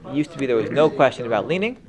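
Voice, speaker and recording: A man's voice: mid-range voice, animated, very fast, crowd noise. A man teaching about the Passover Seder to a listener, earnest and repeating himself, mixing in Hebrew terms. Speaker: Torah teacher. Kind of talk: explaining Passover Haggadah to a listener.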